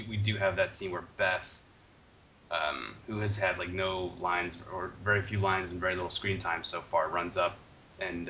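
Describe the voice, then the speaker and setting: A man co-hosting a podcast, recapping a show in a rambling, halting way. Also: low-pitched, recorded from a distance, slight background noise. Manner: rambling, halting recap with mock-shouted quotes. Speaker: podcast co-host. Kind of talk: casual chat.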